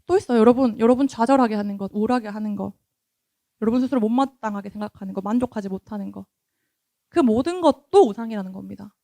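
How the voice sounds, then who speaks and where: A woman's voice: mid-range voice, fast, gravelly, warm tone, dry recording. A young woman with a Gyeongsang accent preaching a sermon at a youth service, talking conversationally and asking the congregation questions.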